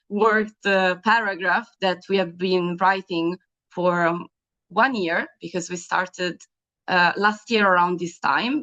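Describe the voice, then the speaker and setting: A woman's voice: mid-range voice, fairly bright tone. A young woman with an Italian accent hosts an online webinar. She talks with frequent ums and uhs. Her voice sits in the middle range and comes through dull, lo-fi video call audio. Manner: hesitant, many ums and uhs. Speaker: webinar host.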